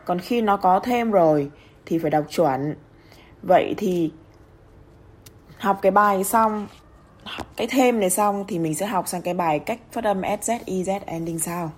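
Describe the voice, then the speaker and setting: A Vietnamese woman teaching English pronunciation, explaining rules and reading example words slowly and clearly. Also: mid-range voice, darkish tone. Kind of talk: pronunciation lesson.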